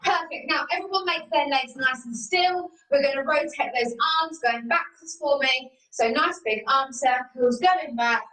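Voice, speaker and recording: A woman's voice: high voice, normal speed, hardly any pauses, sharp tone. A young woman teaching a live exercise class from home over a video call, encouraging and cueing each move step by step. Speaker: fitness instructor. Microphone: video call from a laptop or phone camera. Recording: roomy video call audio from a distance.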